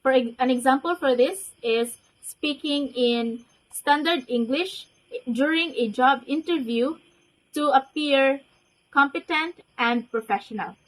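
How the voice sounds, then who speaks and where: A woman's voice: high-pitched, a little slow, poor audio. A young woman student presenting a class report, explaining each point and linking them with "so". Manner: explanatory, with frequent "so" to link points.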